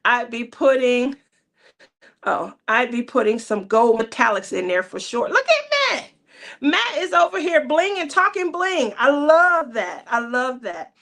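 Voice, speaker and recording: Brief: woman in her thirties, casual craft-chat host, teasing and laughing, slightly high voice. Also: very animated, unhurried, a bit bright. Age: 30s. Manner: chatty, laughs often, teasing.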